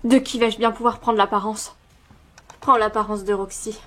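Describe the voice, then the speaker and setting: A woman's voice: fairly high pitch, fairly even intonation, normal speed, sharp tone, soft background music. A woman playing scheming, bossy young witches plotting in secret in an amateur audio drama.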